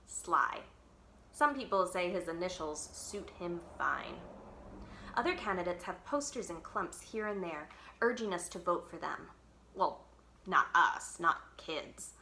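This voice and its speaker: A library storyteller reads a children's book aloud with expressive, dramatic stress on key words. Her fairly low voice is creaky and sharp-toned, echoing around the room.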